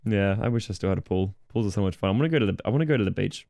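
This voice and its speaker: A man's voice: fairly low pitch, expressive, rapid-fire, gravelly, a little mellow, no echo, clean studio sound. Blunt swearing young man. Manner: blunt, teasing, swears freely. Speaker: podcast co-host. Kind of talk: casual chat.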